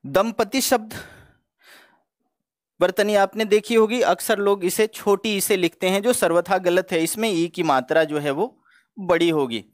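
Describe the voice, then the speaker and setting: A man's voice: high-pitched, unhurried, no echo, clean studio sound. A man teaching Hindi spelling for exam preparation, going word by word in a methodical, explanatory way. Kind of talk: exam-prep spelling lesson.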